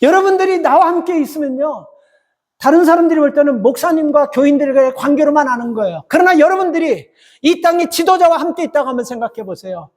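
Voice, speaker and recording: Middle-aged male pastor, high voice, emphatic sermon delivery, repeats phrases for stress. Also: lively intonation, fast talker, a little mellow.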